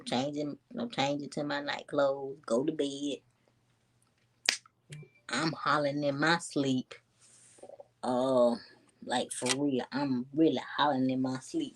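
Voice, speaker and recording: A woman, casually telling a story to her viewers in a chatty, animated way. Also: deep voice, a little hiss or hum. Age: 20s. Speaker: vlogger.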